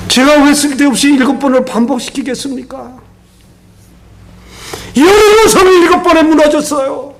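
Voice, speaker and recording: An older man preaching a sermon in a strikingly high voice, moving between loud, emphatic bursts and low asides. He tells stories with energy and calls on the congregation to respond together. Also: normal speed, long pauses, slight background noise. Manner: leads the congregation in call-and-response. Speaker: pastor.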